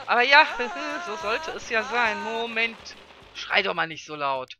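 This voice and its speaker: A woman's voice: a little high, very animated, measured pace, noisy background. A woman giving casual gameplay commentary as a let's player, chatting to her viewers and laughing often.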